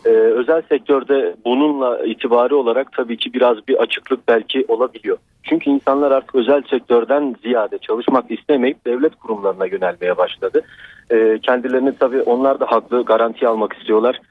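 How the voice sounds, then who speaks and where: A man talks into a radio show over a landline, his voice narrowed to a tinny, dry phone sound. He is mid-pitched and halting, pausing often as he searches for his words. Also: fairly even intonation, no room sound. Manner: hesitant, halting, full of pauses. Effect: landline telephone line. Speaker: radio call-in caller. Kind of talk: call-in opinion.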